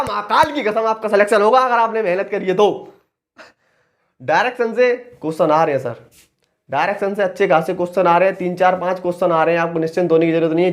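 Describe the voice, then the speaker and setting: Young male exam coach, high-pitched, blunt and colloquial, teasing the examiner. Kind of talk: exam analysis talk to aspirants.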